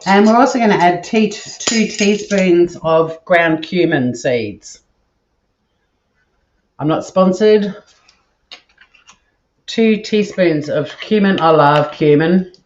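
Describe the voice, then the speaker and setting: She's an Australian woman with a nasal voice, chatting casually while cooking live in her home kitchen. Her voice is on the low side with a darkish tone, and she speaks slowly, pausing often. The audio is dull, with kitchen clatter and slight background noise.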